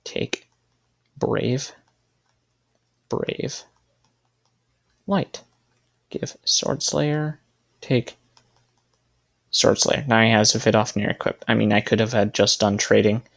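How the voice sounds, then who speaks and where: Gravelly man thinking aloud over gameplay. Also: on the low side, fairly even intonation, slow pace, pauses often. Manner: thinking aloud, self-correcting, trailing off. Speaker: gaming video creator. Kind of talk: casual gameplay commentary.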